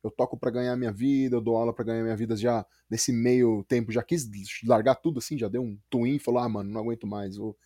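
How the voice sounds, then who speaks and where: A man hosts a relaxed podcast conversation with eager energy, often repeating words for emphasis. His voice sits at a middle pitch. The sound is dry and close. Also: quick pace, few pauses, dry recording. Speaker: podcast host. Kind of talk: casual podcast interview.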